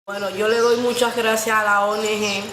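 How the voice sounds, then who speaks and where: An older woman giving a slow, grateful thank-you testimonial. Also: mid-range voice, little pitch movement, a little hiss or hum. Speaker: program beneficiary. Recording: distant roomy with loud music.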